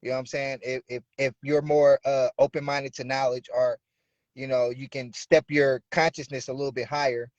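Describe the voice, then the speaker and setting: A man in his thirties from California's Bay Area, a rapper appearing as a guest, speaks casually in an interview and keeps saying "you know what I'm saying." His medium-pitched voice stays level at a normal speed. The audio is dull with no echo.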